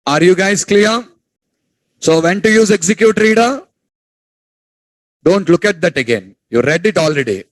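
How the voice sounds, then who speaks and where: A man teaching a class, repeating points, quizzing students and scolding them to speak louder. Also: high voice, lively intonation, normal speed, pauses often, dry recording, poor audio. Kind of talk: classroom lecture.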